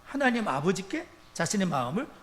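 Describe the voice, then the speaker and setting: Male pastor, sermon, high voice, very expressive pitch, emphatic rises and hushed drops, long church reverb. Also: fairly quick. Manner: emphatic preaching with sudden loud rises and quiet drops. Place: church sanctuary.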